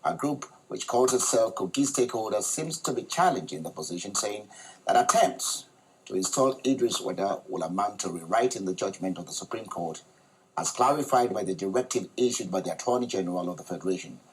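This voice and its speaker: A man hosting a studio talk show, reading a news report in a measured, formal way. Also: on the low side, expressive, husky, poor audio.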